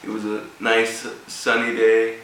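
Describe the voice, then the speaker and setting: A man gives an informal motivational speech with a personal story, speaking haltingly in short broken phrases. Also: fairly low pitch, completely flat delivery, sharp tone. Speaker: guest speaker at a rugby club event. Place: echoey room, speaking before an audience. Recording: echoey room, distant mic, faint noise.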